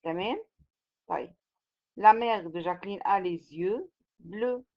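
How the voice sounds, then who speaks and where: A woman teaching French with an Egyptian Arabic accent, switching between French and Arabic and adding English glosses as she explains slowly and repeats herself. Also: mid-range voice. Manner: slow, repetitive explaining. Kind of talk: classroom lesson. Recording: slightly dull lo-fi recording.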